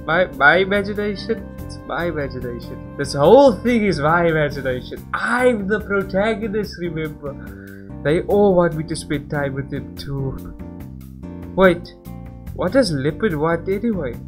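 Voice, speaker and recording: Young guy reading a visual novel out loud, rambly side comments, bit high voice, guitar music behind. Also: expressive, unhurried. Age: young adult. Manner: rambling, self-interrupting. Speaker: gaming channel host. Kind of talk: casual let's-play reading and commentary.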